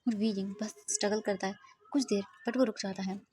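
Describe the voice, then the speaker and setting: Woman storyteller, casual retelling, breathy tone. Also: mid-range voice, fairly even intonation, brisk, mellow. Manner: conversational, mixing English words. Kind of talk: fan fiction narration.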